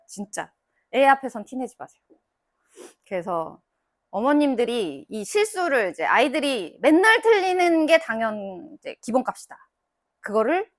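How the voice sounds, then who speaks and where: Middle-aged woman, high, very lively voice, dry close sound; a tutor lecturing parents and acting out quotes. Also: no echo. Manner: animated, acts out mothers and children in quoted lines. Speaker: author and English tutor giving a parenting talk. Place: small library book cafe.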